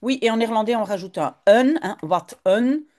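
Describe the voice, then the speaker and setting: A woman's voice: on the high side, animated, moderate pace, darkish tone. A woman teacher, patiently reading a short text aloud and explaining it word by word. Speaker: language teacher.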